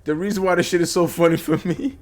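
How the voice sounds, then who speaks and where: A man co-hosting a podcast, jumping in with excited, laughing remarks in casual chat. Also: high voice, fast talker. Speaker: podcast co-host.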